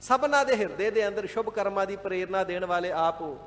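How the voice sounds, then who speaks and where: A man with a high voice gives a devout sermon, explaining scripture phrase by phrase in a measured way. Now and then he slips into a brief chant of a verse. His voice carries a long reverb from a large hall. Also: steady tone, fairly bright tone. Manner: devout, measured, repeats and glosses words, sometimes chants verses. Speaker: Sikh scripture expounder. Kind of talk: line-by-line scripture exposition sermon.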